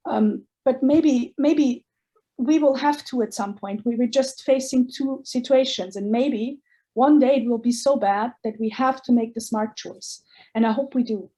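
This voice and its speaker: Woman from Austria, interview guest, earnest and searching, mellow and slightly high. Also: unhurried. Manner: earnest, searching, with many restarts. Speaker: guest artist. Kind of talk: casual interview talk.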